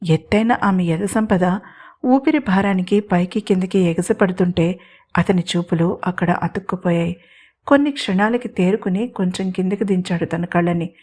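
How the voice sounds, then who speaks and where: A woman's voice: lowish voice, normal speed. Woman narrating an audio story. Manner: steady, expressive reading. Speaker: storyteller and channel host.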